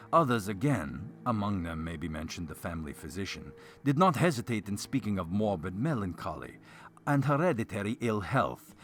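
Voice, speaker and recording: A man narrating a gothic story as a dramatic reading, in a theatrical, hammy stage-actor manner. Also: fairly low pitch.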